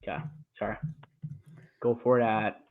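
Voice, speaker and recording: A man's voice: on the low side, steady tone, moderate pace. A man co-hosting a casual sports podcast, ranting with heavy profanity about his football team. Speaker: podcast co-host. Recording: tinny phone-like call audio.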